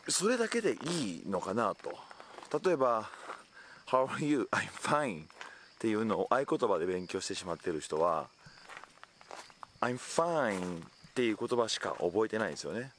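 A man with a lowish voice teaches a casual lesson outdoors, his intonation swinging widely as he drops into sample English phrases. Insects chirp faintly behind him. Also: fairly bright tone, a little hiss or hum. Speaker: English teacher on a video channel. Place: outdoors in hot weather.

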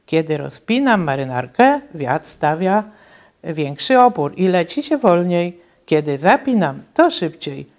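A woman's voice: lowish voice, sing-song, unhurried, darkish tone. A woman voicing a father who grumbles at magic and then exclaims cheerfully, in a children's story read aloud. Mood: exclaiming. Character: grumbling father, wary of magic but giving in.

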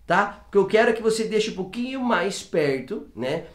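Guy teaching english vowels, kinda high voice, repeats words a lot, echoey room. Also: animated, moderate pace. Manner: chatty, demonstrates sounds by repeating words. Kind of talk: casual video lesson. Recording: roomy echo.

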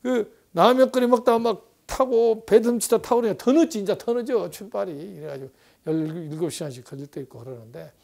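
A man's voice: sits high, a little fast, gravelly, a little mellow. A man in his sixties, a professor, giving a rambling conversational lecture on politics with frequent rhetorical asides.

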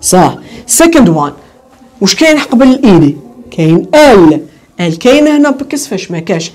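A woman's voice: medium pitch, big pitch swings, brisk, a little mellow. A woman with an Algerian Arabic accent teaching an online English lesson. She asks questions, answers them herself, and repeats the key words. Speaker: English tutor.

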